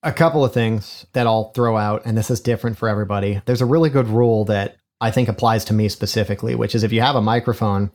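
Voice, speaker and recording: A microphone designer talks fast as a podcast guest, hardly pausing, in a casual interview chat. His voice is on the low side, steady and darkish, with a nasal, honky quality, and his manner is chatty and self-deprecating. A studio condenser mic in figure-eight pattern records him.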